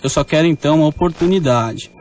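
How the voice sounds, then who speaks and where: A man's voice: fairly high pitch, fast, darkish tone. A young man talking in street slang, pleading and stalling with an angry father on a prank call. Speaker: prank caller posing as a boyfriend.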